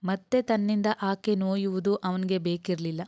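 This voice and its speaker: A woman narrating a romance novel in steady, flowing scripted storytelling. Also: mid-range voice, moderate pace, no echo, highs cut off. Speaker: audiobook narrator.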